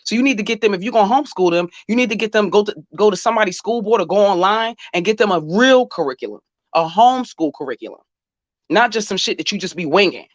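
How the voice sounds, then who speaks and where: A woman vlogger with a medium-pitched voice speaks quickly and animatedly, addressing the person she's criticizing directly. Her casual reaction commentary is blunt, scolding and profane, on dull audio with no room sound.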